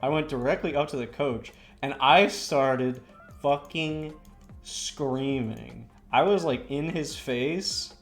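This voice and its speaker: A man's voice: medium pitch, slow pace, soft background music. A young man, a streamer, telling a story in a casual, rambling way while he draws. He swears a lot and fills his talk with lots of "like" and "you know".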